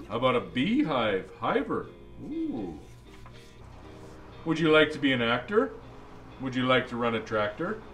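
A man's voice: medium pitch, a bit bright. A man playing a jolly old Santa Claus, reading a children's storybook aloud with playful, musing asides to the kids. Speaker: storybook reader.

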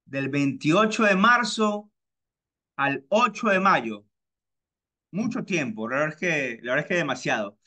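A man's voice: lively intonation, measured pace, bright, forceful tone. A man, hosting his own podcast and chatting casually through personal stories, often repeating himself. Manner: chatty, repeats himself, mimics friends with high-pitched voices. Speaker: podcast host. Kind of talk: casual personal storytelling monologue.

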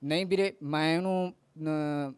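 A man in his thirties giving interview testimony, telling his story in a halting, earnest way with many restarts. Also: on the high side, steady tone, clear, resonant tone, no echo.

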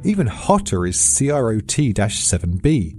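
A man's voice: lowish voice, sing-song, normal speed, a little mellow, faint music behind. A British man reading a scripted science explainer in a dry, precise, lightly witty way. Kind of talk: scripted narration.

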